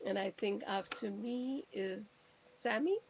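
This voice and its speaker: A woman's voice: medium pitch, slow, gravelly, darkish tone, slight background noise, low-quality recording. A woman sharing a personal reflection in a group circle, earnest and hesitant, with fillers and repeated words. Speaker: circle participant.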